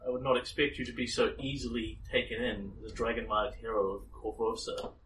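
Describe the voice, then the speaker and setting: A man voicing a haughty, disdainful noblewoman, proud of her lineage, in formal, measured, condescending phrases. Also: medium pitch, steady tone, lightly acted. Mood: scornful. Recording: distant mic, faint room noise.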